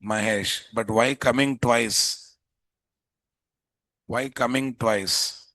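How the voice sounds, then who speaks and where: A man with a Telugu Indian accent teaching a live software class, informally thinking aloud and repeatedly putting questions to students. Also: medium pitch, fairly even intonation, very slow, dry recording. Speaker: programming instructor.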